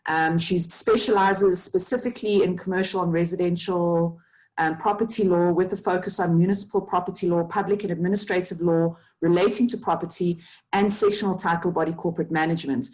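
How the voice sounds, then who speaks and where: A woman's voice: on the low side, steady tone, a little fast, darkish tone, rough recording. A woman moderating a webinar, introducing the guests hesitantly with many fillers. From South Africa.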